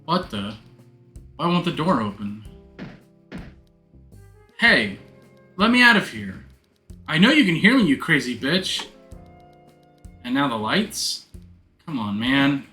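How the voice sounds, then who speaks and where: A man's voice: medium pitch, animated, slow, pauses often, bright, forceful tone. A man voicing a brash, slangy woman thief who poses as a starlet, with streetwise wisecracks, in a game. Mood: panicked. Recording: roomy echo, music behind.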